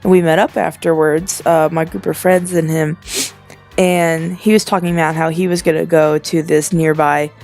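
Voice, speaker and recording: A young woman in her twenties chats through a casual storytime voiceover, rambling with lots of fillers and self-corrections. Her voice sits a bit low for a woman. Soft music plays quietly behind her. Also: flat delivery, moderate pace. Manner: chatty and rambling, frequent fillers and restarts. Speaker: storytelling narrator. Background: faint background music.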